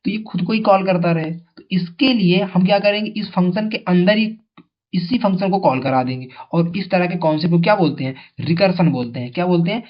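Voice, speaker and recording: A man's voice: high voice, fairly quick. A male tutor giving an exam coaching lesson in a chatty way, asking his students questions and repeating the answers. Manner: calls viewers brother. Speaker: teacher. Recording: dull lo-fi sound.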